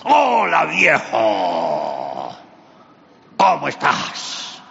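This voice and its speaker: A man voicing a brash young man with a thunderous voice, loud and insistent. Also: a little high, sing-song, normal speed, gravelly, big-room sound, dull audio, pitched above the performer's own voice, heavily acted. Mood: booming. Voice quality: thunderous shouting voice. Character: booming rough young man, brash older twin.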